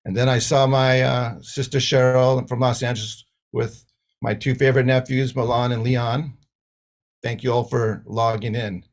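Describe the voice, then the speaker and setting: A man's voice: medium pitch, little pitch movement, normal speed. A man giving casual greetings on a live online panel, with fillers as he talks.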